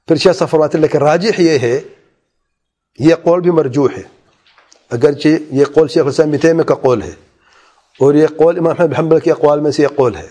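Male religious teacher, slightly high, mellow voice, patient explainer who quizzes the class. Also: breathy edge. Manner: explanatory, poses questions to listeners; softly demonstrates quiet recitation. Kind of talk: Islamic jurisprudence lesson.

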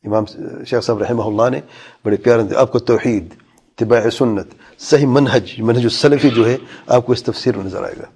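A man with a husky, slightly breathy voice gives a religious lesson. He reads a passage aloud and then unpacks it phrase by phrase, stopping often to put questions to his listeners. His tone stays earnest and instructive throughout. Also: mid-range voice, darkish tone. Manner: reads lines in Arabic then explains them, with rhetorical questions. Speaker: religious teacher. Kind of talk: religious lesson explaining a text.

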